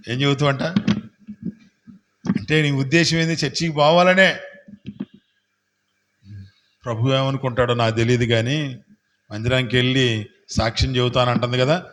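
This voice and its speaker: A man preaching as a pastor, questioning the congregation and building to loud calls for hallelujah. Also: medium pitch. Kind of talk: sermon.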